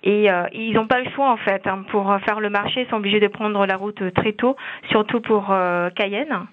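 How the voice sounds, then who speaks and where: A woman's voice: mid-range voice, fairly even intonation, normal speed, no room sound. A woman from French Guiana, a farming family's daughter, speaking on the phone during a radio interview, hesitant with many fillers and restarts. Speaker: guest, farmer's daughter. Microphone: telephone. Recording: tinny dry phone line.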